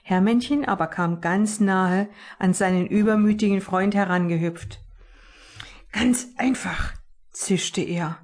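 A woman's voice: mid-range voice, fairly even intonation, unhurried, few pauses, darkish tone. A woman reading her own children's book aloud as an audiobook.

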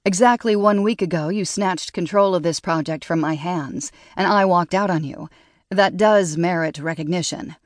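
A woman's voice: fairly low pitch, moderate pace, no echo, clean studio sound, lightly acted. A woman voicing a proud young woman perfumer who holds back her anger behind clipped, cold words.

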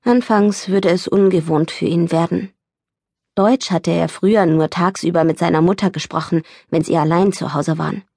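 A woman reading an audiobook in steady, measured scripted narration, recorded close in a studio. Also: lowish voice, vocal fry, no echo. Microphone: studio microphone, close.

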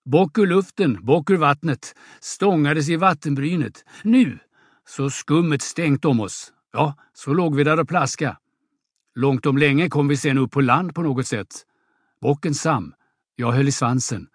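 A man's voice: a little high, no room sound, studio quality, lightly acted. A man playing a swaggering young braggart. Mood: boastful. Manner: breathless, vivid tall-tale telling. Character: boastful young peasant braggart, swaggering storyteller. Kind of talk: audiobook drama reading.

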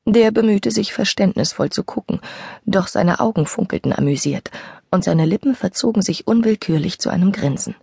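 Woman audiobook narrator, breathy, dry close studio sound, medium pitch. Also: expressive, normal speed, mellow, no echo. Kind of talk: scripted narration.

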